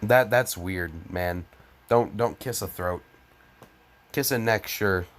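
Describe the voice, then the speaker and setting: Slow-paced and fairly low in pitch, a man reads fan fiction aloud in a mockingly dramatic way for laughs, stopping to pile on crude, exasperated sarcasm.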